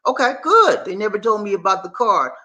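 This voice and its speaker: He has a high-pitched, sing-song voice, brisk and pushed with a bright sound. The speaker is a Charleston, South Carolina livestream host with a Southern Gullah Geechee accent who chats colloquially with his viewers and repeats himself a lot.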